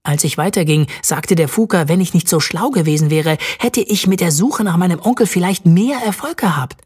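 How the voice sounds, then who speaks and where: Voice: mid-range voice, brisk, a little mellow, slightly rough, close to an everyday voice. An audiobook narrator voicing an anxious but clever young boy who talks earnestly. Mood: explaining. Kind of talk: audiobook reading.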